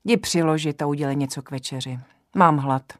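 A woman voicing a gruff, bossy old village herb-woman who speaks in curt commands in an audiobook. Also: deep voice, sing-song, no echo, studio quality. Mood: brusque. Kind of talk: audiobook character voice.

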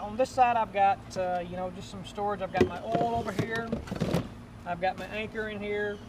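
A middle-aged man hosting his fishing channel, giving a casual, rambling tour of his boat outdoors with lots of ums and uhs. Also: high-pitched. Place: outdoors beside a boat on a lawn. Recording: noisy outdoor camera audio.

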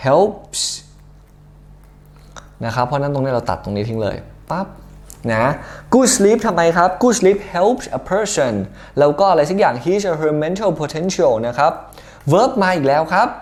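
A young man with a Thai accent teaching an English grammar lesson, lively, often checking that students follow along. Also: on the high side. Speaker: English exam tutor.

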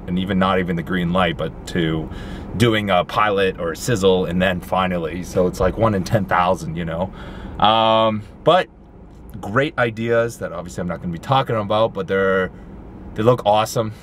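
A young man chatting casually into a handheld camera, upbeat and joking as he rambles. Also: sits low. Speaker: fitness vlogger. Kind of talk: casual vlog chat. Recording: noisy handheld vlog recording.

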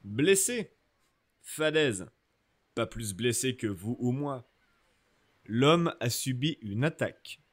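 A man's voice: medium pitch, expressive, slow, long pauses. A man reading a curt, stern country doctor. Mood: brisk. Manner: curt and authoritative. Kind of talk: audiobook reading.

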